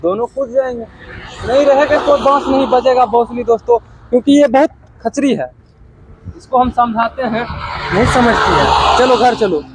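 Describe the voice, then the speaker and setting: A man's voice: very high voice, moderate pace, crowd noise. A man with a Bhojpuri-tinged Hindi accent vlogging outdoors by a river on a phone camera, coaxing his wife and then talking to his viewers. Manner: coaxing, pleading, switching to addressing viewers. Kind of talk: casual vlog to camera. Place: outdoors by a river near a road. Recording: outdoor street noise.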